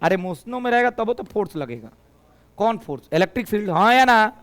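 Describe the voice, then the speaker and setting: A man's voice: high voice, animated, fairly quick, a bit bright. A middle-aged man teaching physics in a classroom, with a Bhojpuri-tinged Hindi accent, teasing students and drilling them in call-and-response. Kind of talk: lively classroom lecture.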